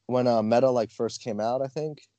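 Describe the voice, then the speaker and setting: A man's voice: mid-range voice, moderate pace, warm tone, dry recording, highs cut off. A man in casual podcast chat, laid-back and slangy, often restarting his sentences. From Long Island. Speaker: podcast co-host.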